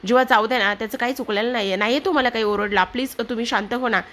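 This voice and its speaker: A woman reading out the lines of a caring, patient young sister-in-law who coaxes and pleads gently, in a TV serial recap. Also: a little high, fairly even intonation, quick pace, voice pushed up, close to an everyday voice. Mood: pleading. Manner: coaxing, pleading.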